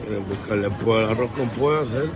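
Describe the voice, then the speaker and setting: A Cuban vlogger with a Cuban Spanish accent rants casually to his viewers, joking, swearing, and often breaking into laughter. His voice is fairly low and a little fast, with background noise behind him.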